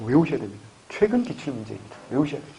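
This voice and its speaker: A man's voice: mid-range voice, big pitch swings, rapid-fire, vocal fry, mellow. A man from the Gyeongsang region teaching an exam-prep history lecture, constantly asking questions and answering them himself. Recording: dull lo-fi recording, faint hiss.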